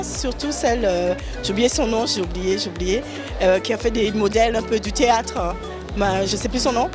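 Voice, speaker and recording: Rambling woman designer, fillers galore. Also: a little high. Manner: rambling, hesitant, many fillers. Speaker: fashion designer and children's author. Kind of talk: interview at a fashion show.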